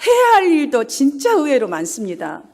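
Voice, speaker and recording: A woman's voice: sits high, huge pitch swings, moderate pace, a little mellow. A woman pastor delivering an emphatic sermon in a church, telling stories and laughing now and then. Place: church sanctuary.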